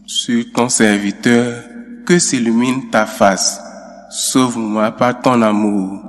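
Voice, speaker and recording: A male lector with an even, mid-range voice reads scripture passages at a slow, deliberate pace. Long church reverb trails each phrase. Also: mid-range voice. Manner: slow, measured reading. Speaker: lector and psalm cantor. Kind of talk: scripture reading.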